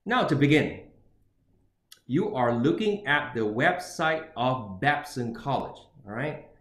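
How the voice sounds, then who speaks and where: A middle-aged Singaporean man with a mid-range voice gives a webinar presentation on choosing universities as an international student advisor, and the sound is roomy. He speaks emphatically and keeps closing points with the tag question "all right?". He is indoors in front of a virtual background.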